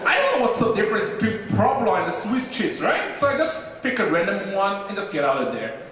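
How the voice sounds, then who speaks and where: A man's voice: high-pitched, brisk, far from the mic. A young man from China with a Chinese accent, performing stand-up comedy on a theater stage and acting out the people in his stories. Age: young adult. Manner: animated storytelling, acts out other people. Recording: echoey theater hall from afar.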